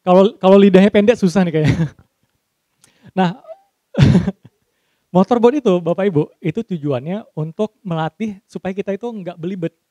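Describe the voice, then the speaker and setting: A man's voice: high-pitched, moderate pace, long pauses, dark tone, no echo, dull audio. A young man leading a voice training workshop, joking with the audience and demonstrating exercises. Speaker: speaking trainer.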